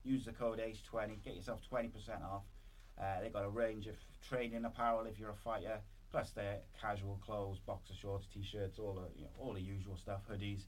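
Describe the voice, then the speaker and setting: A man's voice: lowish voice, little pitch movement, fairly quick, hardly any pauses. A man with a Welsh accent hosting a podcast in a casual, rambling, informal way. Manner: informal, rambling, frequent filler 'like'. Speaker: podcast host. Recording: clear background noise.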